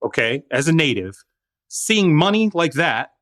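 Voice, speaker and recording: A man hosting opinionated sports talk, speaking emphatically and rhetorically, with deliberate stress on key words. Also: fairly high pitch, sing-song, a bit bright. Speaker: talk show host.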